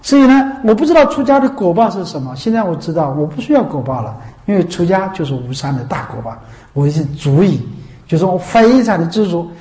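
Speaking fast in a warm, sing-song, medium-pitched voice, a Buddhist monastic delivers a dharma talk to seated listeners. Rhetorical questions come back again and again, broken up by laughter now and then and chants of the Buddha's name, all in an echoey room.

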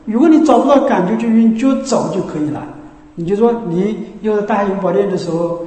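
High-voiced man teaching in an echoing hall. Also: brisk. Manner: lively, demonstrates by chanting phrases. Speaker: Buddhist teacher. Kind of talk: colloquial dharma talk on chanting. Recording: echoey hall reverb.

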